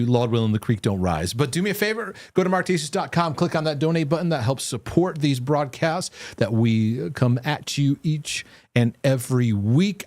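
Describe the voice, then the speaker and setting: With a darkish, mid-range voice and no room sound, a man hosts a live Q&A broadcast of faith-based teaching. He's earnest and reassuring, though he restarts often.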